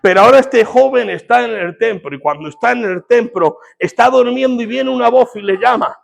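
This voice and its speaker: A male pastor delivers a fervent sermon. His voice sits high and carries a gravelly edge. He pauses to draw responses from the congregation. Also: expressive. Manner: fervent preaching with call-and-response.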